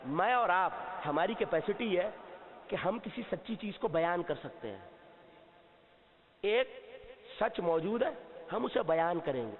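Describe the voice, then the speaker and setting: High-voiced man preaching in a reverberant hall. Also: sing-song, pauses often. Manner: impassioned, rising to shouts at key points; asks the audience questions and answers himself. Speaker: Shia cleric giving a majlis sermon. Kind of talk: sermon. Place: mosque or hall before a seated gathering. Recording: long reverb, tinny phone-like sound.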